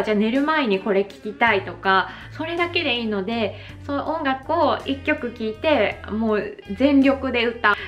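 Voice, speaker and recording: A Japanese woman in her thirties giving a slow, careful pronunciation lesson, exaggerating her mouth shapes when she demonstrates sounds. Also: a little high, a bit bright. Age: 30s. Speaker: English pronunciation teacher. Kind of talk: slow explanatory vlog lesson.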